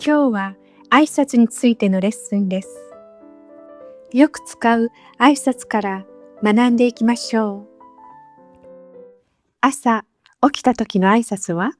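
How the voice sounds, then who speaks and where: A woman teaching as a language teacher, narrating a scripted lesson with clear, patient explanations. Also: fairly high pitch, takes it slowly, long pauses, soft background music. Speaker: Japanese teacher.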